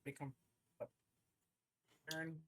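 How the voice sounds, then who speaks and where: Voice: slow, bright, forceful tone, a little hiss or hum. A tabletop game player talking casually over an online voice call, the choppy connection breaking up and dropping words so phrases trail off mid-sentence. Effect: choppy call audio that breaks up and drops words. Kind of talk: casual in-character talk over voice chat.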